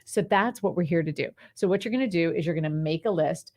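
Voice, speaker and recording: A woman guest on an interview show explains her method and tells stories in a lively, breezy way. Her voice sits a little low for a woman. She speaks casually and leans on fillers as she talks. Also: fast, a little hiss or hum. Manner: animated, breezy storyteller using many fillers like "like" and "right". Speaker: clarity coach guest. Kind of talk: interview conversation, giving advice.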